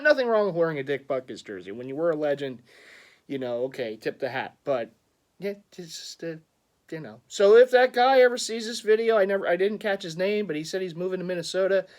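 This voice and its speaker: A man's voice: on the high side, sing-song, a little fast. A man, rambling through a casual sports vlog full of stammered restarts and chuckles. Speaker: sports fan vlogger.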